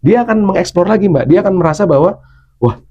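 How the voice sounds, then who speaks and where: A man's voice: sits high, lo-fi sound. A man working as a public speaking coach, explaining how to use the voice in a casual interview and briefly acting out example voices. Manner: fast, animated explainer, acts out example voices. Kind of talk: coaching talk in a podcast interview.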